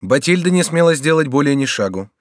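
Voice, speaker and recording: A man narrating a classic historical novel as an audiobook in a steady, measured way, recorded in a studio. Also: on the high side, dry recording.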